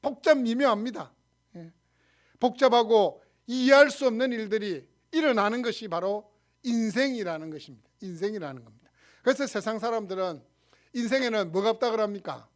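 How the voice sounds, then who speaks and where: A man's voice: high-pitched, brisk. A man with a Gyeongsang accent, a pastor preaching a sermon, who asks the congregation questions and answers them himself. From Gyeongsang region, Korea. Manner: animated preaching, acts out shouted quarrels in dialect.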